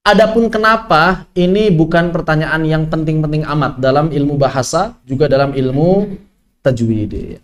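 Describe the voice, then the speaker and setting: A man teaching an online tajwid lesson, lively, asking questions and answering them himself. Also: on the high side, normal speed. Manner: lively, asks and answers his own questions. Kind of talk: online Quran recitation lesson.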